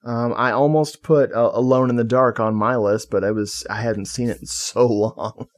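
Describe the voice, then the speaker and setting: Guy cohosting a podcast, joking around and cussing, normal pitch, easygoing. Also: steady tone, normal speed. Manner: loose, joking, swears freely. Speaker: podcast co-host. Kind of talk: casual chat.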